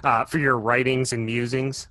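A man's voice: mid-range voice, little pitch movement, normal speed, bright, forceful tone, no room sound. A man hosting a casual film podcast, upbeat and chatty, with plenty of fillers. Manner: upbeat, sing-song greeting, loose with fillers. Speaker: podcast host.

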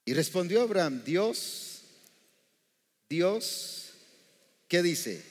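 In a church hall with echoey reverb, a male preacher gives a sermon in a high, very animated voice, drawing out his words. He often quizzes the congregation with rhetorical questions.

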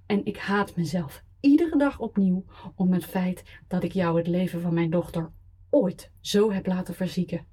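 Icy ex-wife, read by a woman, controlled, cutting, iron-voiced, husky, audiobook. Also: on the low side, dark tone.

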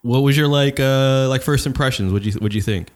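Speaking briskly at medium pitch, this male podcast host keeps things casual. His talk is loose, animated and profane, full of restarts.

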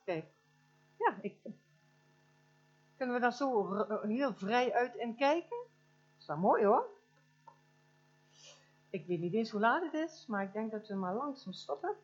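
A woman giving an informal, animated sermon, telling stories with emphatic exclamations and many fillers. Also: medium pitch. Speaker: speaker at a church gathering. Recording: dull lo-fi recording.

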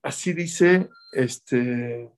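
A man giving a Torah class, animated, talking straight to his listeners and acting out quoted voices with big swings in pitch and loudness. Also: very slow. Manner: speaks directly to listeners, acts out quoted voices. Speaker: rabbi teaching a Torah class.

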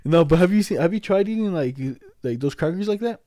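A young man talks in a fairly high but mellow voice, close and dry. He chats casually like a frat bro, full of slang and constant swearing. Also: lively intonation, fast, no room sound. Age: young adult. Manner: bro-ish, slangy frat-boy talk with heavy swearing. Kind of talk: casual chat.

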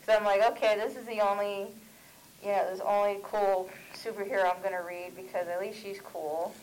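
A woman's voice: medium pitch, steady tone, a little fast, a little mellow, poor audio. A woman comic creator telling a personal story in a candid way on a convention panel.

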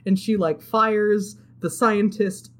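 Animated swearing woman recapping a game. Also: medium pitch, slow. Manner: animated, swears freely, acts out characters' lines. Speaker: podcast co-host recapping a game. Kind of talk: casual chat.

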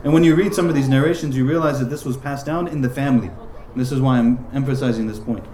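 A man's voice: medium pitch, fairly even intonation, quick pace, dark tone. Man giving a casual religious lesson. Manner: conversational, many "like" and "right?" asides. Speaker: religious teacher. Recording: roomy echoing room.

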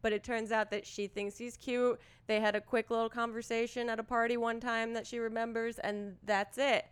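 A woman co-hosting a podcast in casual chat, animated and rambling, laughing often, wired from chugging a coffee. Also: on the high side, normal speed, smooth. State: caffeinated after chugging coffee. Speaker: podcast co-host.

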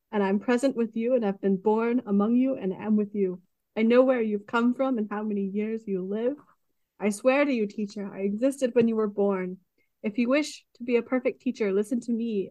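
A woman's voice: fairly high pitch, warm tone, no room sound, dull audio. A woman co-hosting a casual podcast, reading old text passages aloud and adding dry asides. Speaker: podcast co-host reading the story.

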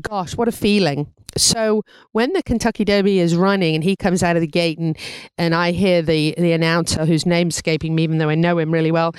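A woman's voice: fairly low pitch, fairly even intonation, brisk, smooth, no echo, poor audio. A woman hosting a talk show, chatty and enthusiastic as she interviews a guest and reads sponsor credits.

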